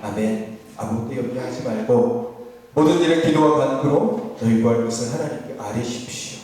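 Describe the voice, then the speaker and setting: Echoey Korean pastor preaching in church. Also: male voice, mid-range voice, brisk, darkish tone. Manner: rhetorical questions to the congregation. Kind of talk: sermon. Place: church sanctuary. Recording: echoey church hall from far off.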